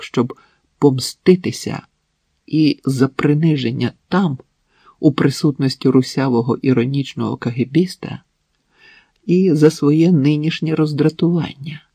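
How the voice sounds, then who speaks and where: A man narrating an audiobook in a measured, even storytelling manner. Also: mid-range voice, gravelly, slightly rough, no echo. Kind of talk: scripted narration.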